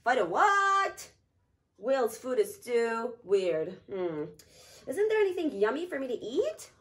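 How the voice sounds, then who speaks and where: A woman's voice: fairly high pitch, very animated, unhurried, noisy background. Woman reading as a picky hungry cat. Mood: fussy. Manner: fussy, whiny complaints.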